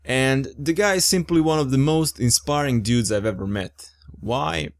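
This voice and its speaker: A man's voice: mid-range voice, moderate pace. A young man hosting a fitness podcast, talking in an upbeat, enthusiastic and informal way. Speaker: podcast host. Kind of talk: casual podcast chat.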